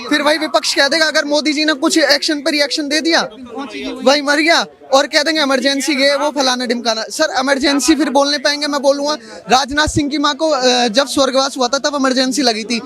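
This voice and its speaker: A man's voice: very high voice, steady tone, fairly quick. A man giving heated, emphatic opinions in a street debate. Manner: forceful and emphatic. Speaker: street interviewee. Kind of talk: heated political argument.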